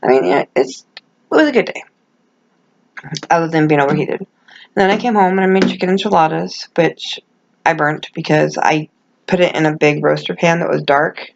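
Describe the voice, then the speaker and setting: A middle-aged woman talks casually to her viewers in a lowish, creaky voice. Her words have the soft, gummy shaping of someone speaking without teeth. She rambles candidly and pokes fun at herself. The recording is muffled and lo-fi. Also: normal speed, long pauses. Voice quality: toothless, gummy articulation without dentures. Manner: rambling, self-deprecating, candid. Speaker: vlogger. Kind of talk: casual chat to camera.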